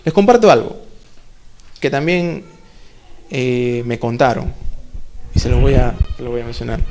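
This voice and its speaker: A man's voice: mid-range voice, darkish tone. A man preaching a sermon in a church, conversational, full of rhetorical questions and playful asides.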